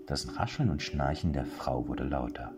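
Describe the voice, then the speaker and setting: A man calmly narrating a story in measured audiobook style. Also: rumbling low. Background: soft singing-bowl music.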